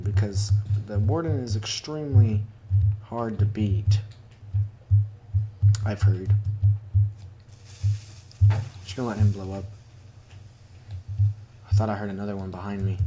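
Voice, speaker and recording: A man's voice: fairly low pitch, a little slow, pauses often, soft background music. A man giving casual, chatty commentary while playing a video game at home, joking about his own skill and talking to his cat. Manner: chatty, self-deprecating, talks to his cat. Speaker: gaming YouTuber. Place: home room.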